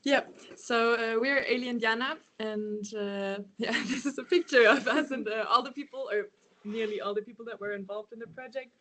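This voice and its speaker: A woman's voice: on the high side, normal speed, fairly bright tone, slight background noise. A woman, presenting a project over a video call, hesitant and full of ums and yeahs. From Germany. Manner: hesitant, many ums and yeahs, laughs lightly.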